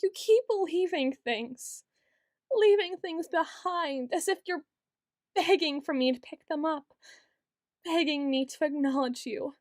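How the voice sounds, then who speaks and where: A woman's voice: sits high, a little slow, darkish tone, no room sound, studio quality. A woman playing a paranoid, obsessive young yandere student in an ASMR role-play, stammering, pleading and accusing as she repeats her words insistently. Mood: bitter, obsessive. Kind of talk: ASMR role-play monologue, acted straight to the listener.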